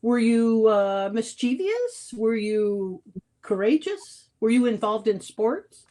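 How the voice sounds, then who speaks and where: A woman's voice: a little high, sing-song, slow, mellow. Effusive woman interviewer. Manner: effusive, encouraging, calls guest her hero. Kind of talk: casual interview talk.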